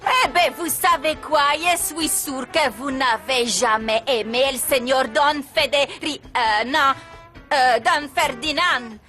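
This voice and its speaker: A skeptical, bright-voiced girl. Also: high-pitched, slow pace, faint music behind, heavily acted. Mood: defiant. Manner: dry, skeptical, reluctant. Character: reluctant young woman acting a maid. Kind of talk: dubbed telenovela acting.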